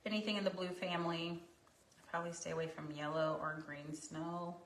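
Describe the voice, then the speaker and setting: A woman's voice: fairly low pitch, level tone, moderate pace. A woman teaching a craft painting project in her studio, chatting casually with rambling, joking asides. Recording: echoey room, mic at a distance.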